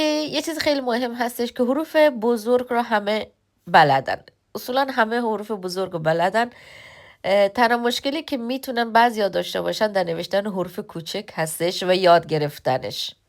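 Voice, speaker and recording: A woman giving a beginner English lesson. She speaks patiently, pauses often with fillers and sounds words out one letter at a time. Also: medium pitch. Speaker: English teacher.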